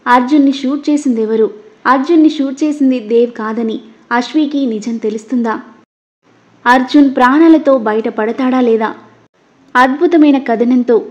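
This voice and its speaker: A female storyteller reading a scripted story in a steady, even voice. Her tone is mellow and sits a little high. The audio is slightly dull and lo-fi.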